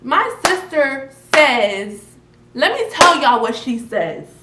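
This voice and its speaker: A young woman vlogger telling a story in casual, slangy chat, jumping from loud outbursts to low mutters. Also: big pitch swings, slow, distant mic. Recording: roomy, off-mic with faint noise.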